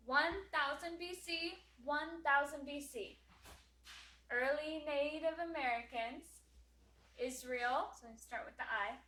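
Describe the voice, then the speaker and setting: A woman's voice: sits high, bright, forceful tone, roomy sound, low-quality recording. A woman tutor walking through memory work, explaining hand motions and singing skip counts. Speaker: homeschool class tutor.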